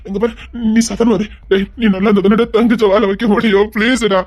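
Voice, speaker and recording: Performer as a desperate brother, tearful, pleading, repetitive, Tirunelveli Tamil accent, mid pitch, faint music behind. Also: little pitch movement, a little fast, darkish tone, natural voice. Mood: frantic. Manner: pleading, tearful, repeats himself. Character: distraught grown brother desperate to bring his sister home. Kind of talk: emotional web-series acting.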